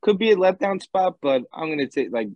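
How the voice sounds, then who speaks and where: A man's voice: sits high, expressive, brisk, dry recording, muffled recording. Laid-back man making betting picks. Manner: laid-back, rambling, clears throat. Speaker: podcast co-host making college football picks. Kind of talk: casual sports betting chat.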